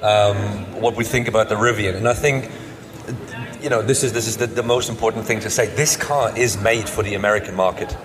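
A man's voice: lowish voice, steady tone, a little fast, a crowd in the background. Emphatic European man in an echoey, crowded hall. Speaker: podcast co-host. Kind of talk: casual car show discussion. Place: indoors at an auto show stand.

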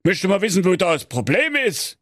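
A man's voice: high-pitched, big pitch swings, normal speed, a bit bright, dry recording, clean studio sound, voice pushed up. A man doing a crude Saxon king. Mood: grumbling. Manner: coarse and blustering. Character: grumpy crude old king, blustering.

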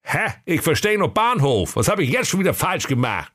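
A man voicing a cheeky, dim-witted young train conductor, with a silly high voice. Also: sing-song, moderate pace, a bit bright, dry recording, clean studio sound. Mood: goofy. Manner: goofy, cheeky, high-pitched.

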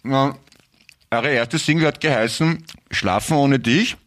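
A man's voice: mid-range voice, measured pace, fairly bright tone, no echo. A man with a Viennese accent hosting a podcast in playful, rambling casual chat. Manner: playful, rambling, laughs often. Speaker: podcast host.

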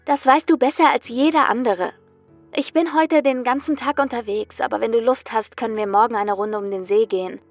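A caring, level-headed young woman friend from a spooky storybook, as a female reader puts her on. She talks briskly and reassuringly, her voice a little higher than the narrator's, with faint music underneath. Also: steady tone, dry recording.

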